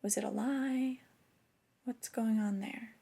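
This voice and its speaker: Acting as a flirty store boss disappointed in an employee, a woman scolds him in a soft-spoken ASMR roleplay, her breathy voice often slipping into a whisper. She keeps her slightly high pitch fairly even in a full character voice, sounding reproachful and skeptical. The reprimand comes slow, deliberate and intimate.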